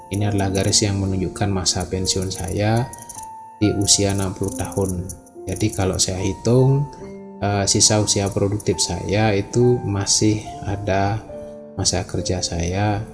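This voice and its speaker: A teacher in his forties from Bali speaking slowly with pauses, giving a reflective presentation. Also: deep voice, creaky. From Bali, Indonesia. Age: 40s. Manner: slow, measured, with pauses and fillers.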